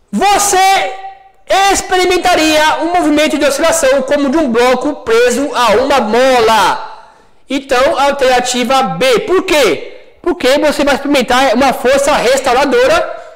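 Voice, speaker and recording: High-voiced Brazilian man teaching physics. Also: normal speed, a bit bright, a little hiss or hum, rough recording. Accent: Brazilian Portuguese. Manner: chatty, keeps checking if students follow. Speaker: studio teacher. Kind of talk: physics lesson for high school. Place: classroom studio.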